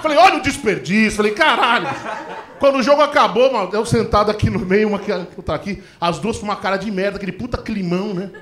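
A middle-aged man doing a stand-up comedy routine, telling animated stories full of acted-out quotes. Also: sits high, quick pace. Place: comedy stage before a live audience. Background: audience laughter.

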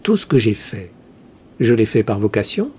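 A man voicing a cheerfully cunning male heretic priest, speaking slowly in a smooth, almost chanting way. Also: fairly low pitch, sing-song, a little mellow, a little hiss or hum. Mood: sly. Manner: slow, smooth, chanting delivery.

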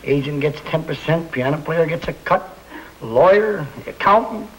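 A man's voice: on the high side, lively intonation, moderate pace, lightly acted. An actor playing a grumpy, put-upon father in a 1950s television sitcom, complaining in exasperated, piled-up lists. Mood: grumpy ranting. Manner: exasperated, complaining, building lists for comic effect. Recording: noisy 1950s TV soundtrack.

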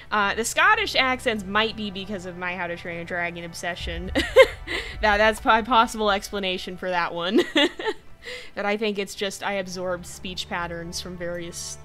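A woman from California streams a game, chatting casually with viewers and with the game itself and laughing often. Her mid-range voice is pushed and bright, and her mixed American accent slips toward British.

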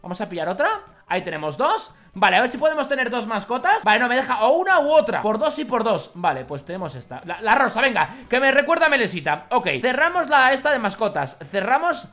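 A young man with a Spain Spanish accent giving excitable let's-play commentary, bursting into shouts and laughter. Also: very high-pitched, fast, faint music behind. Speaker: gaming YouTuber.

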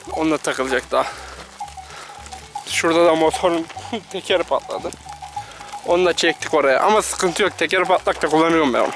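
A man vlogging as he herds his animals, coaxing and scolding them with repeated calls and joking asides to viewers. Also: high voice. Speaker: vlogger herding livestock. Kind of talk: casual running commentary to camera. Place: outdoors on a pasture with animals. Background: background music and farm animals.

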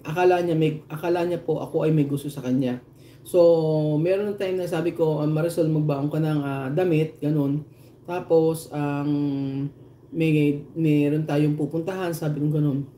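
A Filipino man vlogging, casually retelling a story to his viewers, lively, with laughter and many restarts. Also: a little high, echoey room, a little hiss or hum. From Philippines. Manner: animated retelling, quoting others in raised voices, frequent laughs and restarts.

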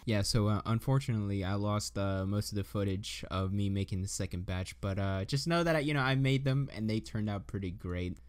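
A man's voice: lowish voice, a little fast, hardly any pauses. A young man rambling in a goofy, self-deprecating way while he cooks in a home kitchen. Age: young adult. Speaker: vlogger. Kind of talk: casual cooking vlog. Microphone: camera held by someone a few steps away. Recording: echoey kitchen, far from mic, loud music behind.

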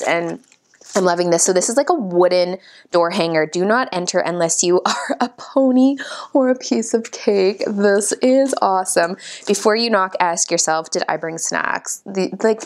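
A woman's voice: mid-range voice, lively intonation, normal speed. Giggly woman unboxing gifts. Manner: amused, giggly, reads items out. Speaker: unboxing vlogger. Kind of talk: casual unboxing chat.

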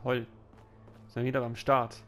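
A man's voice: medium pitch, little pitch movement, moderate pace, fairly bright tone, faint music behind. A man giving casual let's play commentary, muttering to himself and swearing now and then. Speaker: let's player.

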